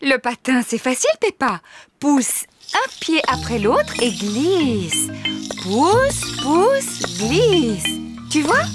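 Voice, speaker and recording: A woman voicing a caring, sensible mummy pig in a preschool cartoon dub, with a gentle, instructive manner. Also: high voice, wildly swooping pitch, takes it slowly, music in the background, full character voice. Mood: encouraging.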